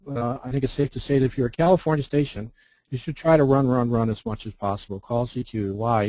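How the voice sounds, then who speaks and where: Explaining by asking questions and then supplying the answers, an American contest representative delivers an informal how-to talk. He speaks at a medium pitch with a warm tone, and there is no room sound.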